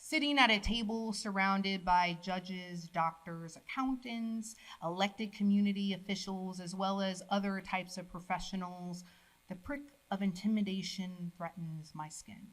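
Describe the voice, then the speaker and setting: At a college event, a poet with a medium, slightly bright voice reads her work in a rising, declamatory style and chats casually with listeners between poems. The recording is rough.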